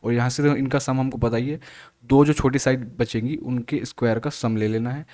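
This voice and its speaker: Male math tutor, steady step-by-step exam walkthrough, quizzes then answers himself. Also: medium pitch, brisk. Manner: steady step-by-step explaining, asks and answers own questions. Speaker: math teacher.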